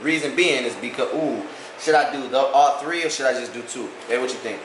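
The clip features a cooking vlogger, a young man with a Louisiana accent, whose mid-range voice moves along fairly quickly. He is laid-back, jokey and teasing as he cooks in his own kitchen, recorded by a phone camera on the counter in an echoey, noisy room.

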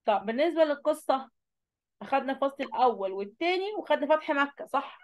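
A woman's voice: high-pitched, lively intonation, quick pace, muffled recording. A woman teacher with an Egyptian Arabic accent giving an online review lesson, asking questions and answering them herself.

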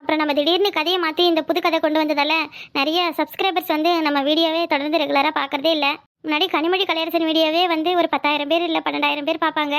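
A woman's voice: high voice, fairly even intonation, quick pace, fairly bright tone. A woman with a Kanyakumari Tamil accent, a cartoon channel creator chatting directly to viewers. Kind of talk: channel outro chat.

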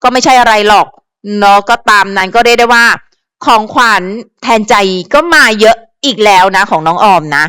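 A woman hosts a casual celebrity commentary channel and gives viewers advice in a loose, chatty ramble full of fillers. Her voice is smooth and crisp and sits a bit high. The recording is close and dry. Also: moderate pace, a bit bright, dry recording. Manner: chatty, frequent fillers and repetitions; advisory, talks directly to viewers.

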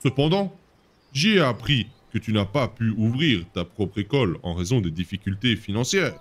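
A man voicing a dignified uncle in a game, reading his letter slowly and evenly. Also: lowish voice, expressive, voice pushed down. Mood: measured. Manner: slow, measured reading.

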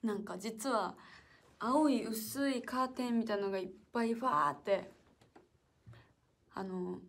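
A young woman hosting a casual solo livestream. She is chatty and playful, reads out viewer comments, laughs often and sometimes drops to a soft whisper. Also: mid-range voice. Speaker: idol livestream host. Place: indoor room with a piano.

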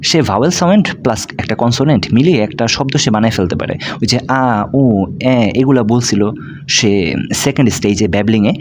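Lowish-voiced man teaching a lesson. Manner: patient teaching, mixing English terms into speech, rhetorical questions. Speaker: English teacher. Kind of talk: explanatory video lesson.

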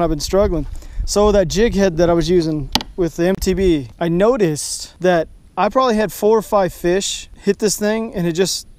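Young man, high voice, fishing vlog, kayak on a lake, action-camera sound, faint outdoor noise. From Texas. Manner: excitable, talks to viewers while fishing. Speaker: fishing vlogger. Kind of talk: casual first-person fishing commentary. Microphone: head-mounted action camera.

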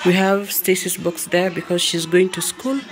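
Holding her own phone or camera, a woman from Kenya walks viewers through the living room of a family home, speaking with a Kenyan accent over music. Her voice is on the low side with little pitch movement, and she takes her time, pointing things out and repeating phrases.

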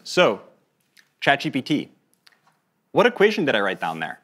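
A man speaking in a live product demo, playful and quick as he talks to an AI. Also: mid-range voice, huge pitch swings, a bit bright, faint music behind.

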